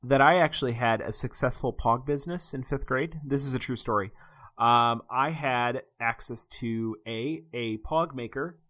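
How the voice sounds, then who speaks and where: A man co-hosting a casual comedic chat, animated and laughing often. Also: medium pitch, normal speed. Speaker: podcast co-host.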